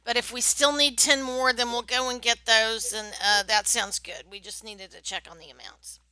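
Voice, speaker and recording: Placating halfling rogue, rambling and nervous, played by a woman; very bright tone, dry sound. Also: fairly high pitch, steady tone, normal speed, dry recording, rough recording.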